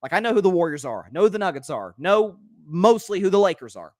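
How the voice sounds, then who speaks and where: A young man runs a solo sports talk show, speaking fast and animatedly, repeating words as he builds his points and reading viewer comments aloud. His voice is high and sing-song with a darkish tone, captured in a dry, studio-quality recording.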